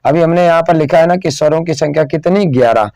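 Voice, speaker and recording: A man teaching a lesson, slowly repeating phrases and asking questions that he then answers himself, sometimes drawing words out as he writes on a board. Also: a little high, a little mellow, no echo. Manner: drawn-out dictation while writing on a board. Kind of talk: classroom lesson.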